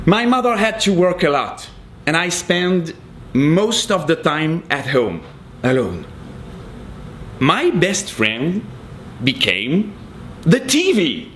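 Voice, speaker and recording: In a noisy live recording, a Belgian native French speaker with a Belgian French accent tells an audience a story at his own expense. His voice is on the high side and a bit bright.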